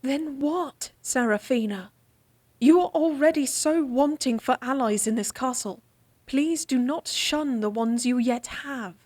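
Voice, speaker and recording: In a fantasy audio drama, a woman plays a candid, devoted lady-in-waiting, speaking formally while gently teasing and coaxing. Her high-pitched voice is a little slow, earnest and pleading, with no echo.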